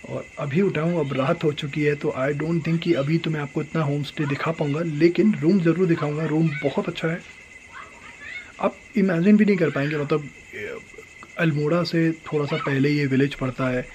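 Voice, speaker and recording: A young man, a travel vlogger, excitedly showing off a homestay room at night and slipping English phrases into his talk. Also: a little high, moderate pace, a little hiss or hum, rough recording. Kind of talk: casual vlog walkthrough.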